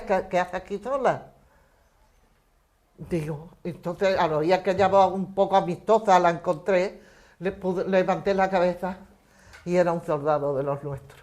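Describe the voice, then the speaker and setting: An elderly woman giving documentary testimony, telling a long personal story in a steady, measured way. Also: fairly low pitch. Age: 80s or older.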